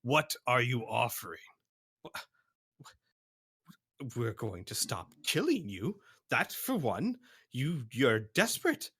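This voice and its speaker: A man's voice: medium pitch, very animated, slow pace, long pauses, bright, forceful tone, slightly rough, no echo, studio quality, exaggerated voice. A man voicing a weary, blunt diplomat in a tabletop space game, direct and exasperated. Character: weary, blunt male diplomat negotiating peace.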